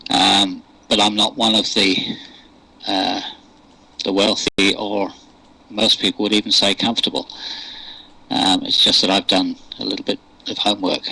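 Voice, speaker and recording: A man's voice: on the low side, flat delivery, moderate pace, gravelly, sharp tone, breathy edge, low-quality recording. An older man with a posh English accent, answering interview questions in a hesitant way with many fillers and restarts. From England. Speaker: interview guest. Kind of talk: unscripted radio interview.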